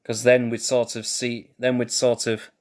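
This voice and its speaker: A man's voice: mid-range voice, level tone, measured pace. A man live-streaming in casual chat, thinking aloud in a laid-back way, restarting sentences and chuckling at himself. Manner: musing, thinks aloud with restarts and self-corrections.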